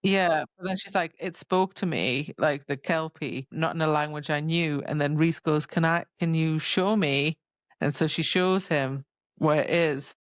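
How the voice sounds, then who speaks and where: Sitting low and holding a steady tone, this woman co-hosts a book podcast at an unhurried pace, casually retelling scenes with exclamations and quoted lines. The audio is dry, a bit dull and lo-fi.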